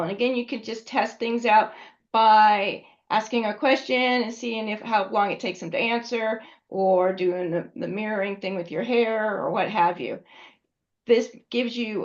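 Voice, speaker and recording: A woman teaching a class in a conversational way, often checking in with her students. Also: fairly high pitch. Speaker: instructor. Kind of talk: classroom lecture. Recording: dull lo-fi recording.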